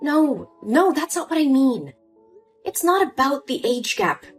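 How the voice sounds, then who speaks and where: A woman's voice: high-pitched, big pitch swings, measured pace. A woman voicing an emotional young daughter pleading with her mother in a story drama, with faint music behind. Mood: upset.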